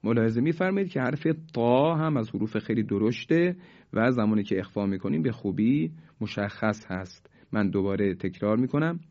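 A man teaching tajweed. He explains each rule quickly, then recites the examples slowly and drawn out. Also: lowish voice, animated, a little mellow. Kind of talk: tajweed lesson. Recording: dull lo-fi recording.

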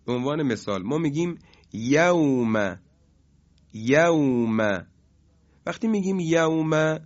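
A man's voice: on the high side, animated. Man teaching recitation, chanting long examples. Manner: explains slowly, chants examples drawn out. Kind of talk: lesson on tajwid rules. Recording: dull lo-fi recording.

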